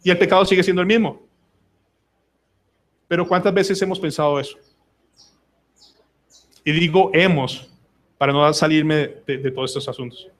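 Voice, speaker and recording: A man's voice: on the high side, normal speed, long pauses, a bit bright. A man preaching a sermon at a church service, emphatic, acting out prayers and quoted voices. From Colombia. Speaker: pastor.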